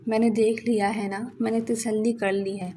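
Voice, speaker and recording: Storybook role: woman reads a bossy, scheming young wife. Commanding and pushy, with a warm, low-key voice. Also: slight background noise, lightly acted.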